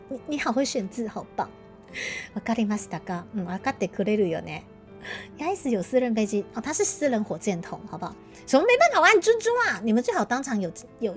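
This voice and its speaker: A woman's voice: mid-range voice, darkish tone. A woman with a Taiwanese Mandarin accent chatting casually on a livestream, playful and teasing, often breaking into laughter. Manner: playful, teasing, bursts of laughter, slips into Japanese. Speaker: VTuber streamer.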